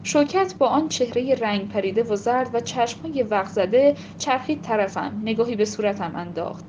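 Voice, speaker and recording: A woman reads a short story aloud in a measured, expressive way. Her voice is high and clear. A faint hiss sits under the recording. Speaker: narrator.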